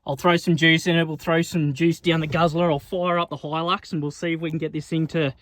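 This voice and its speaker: An Australian man with a slightly high voice talks casually through a car job for his vlog. His speech is laid-back and full of blokey Aussie slang and swearing. The sound is close and dry, with little room on it. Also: little pitch movement, brisk, a bit bright, dry recording. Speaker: car build vlogger. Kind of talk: casual vlog chat while working on a car.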